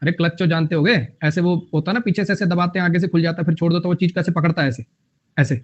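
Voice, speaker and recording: A man's voice: on the high side, fairly even intonation, fast talker. A young man teaching a vocabulary lesson, repeating phrases and making up jokey memory tricks. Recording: dull lo-fi audio.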